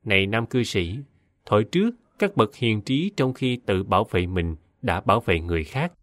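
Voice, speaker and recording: A compassionate male spiritual teacher, read by a man affirms a disciple gently. His speech rises and falls freely in pitch, recorded dry and close. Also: animated, normal speed, no echo. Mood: gentle.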